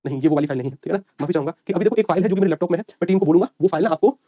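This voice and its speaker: A man's voice: a little high, racing, dark tone, no room sound, studio quality. A man teaching an online exam-prep lecture, quizzing his students and answering his own questions, with folksy asides.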